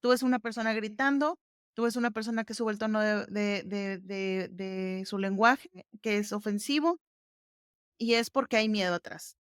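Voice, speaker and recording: A woman's voice: mid-range voice, fairly even intonation, normal speed, clean tone, dry recording, studio quality. A woman hosting a podcast, explaining exercises step by step in a casual, conversational way. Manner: explains step by step, conversational, warm fillers like "ujú". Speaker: podcast host.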